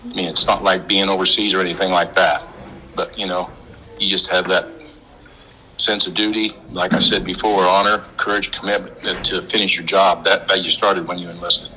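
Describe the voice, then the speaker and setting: A man with a husky voice, a veteran, talking earnestly about his duty in loose phrasing. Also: sits low, little pitch movement, normal speed, pushed and bright, poor audio. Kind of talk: interview recollection.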